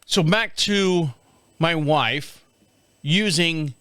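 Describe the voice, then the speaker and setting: Rambling fifty-something man, smooth voice. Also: on the high side, extremely slow, a bit bright, no echo. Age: 50s. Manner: rambling, repeats himself, laughs often. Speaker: podcast host. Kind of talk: casual solo monologue. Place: studio.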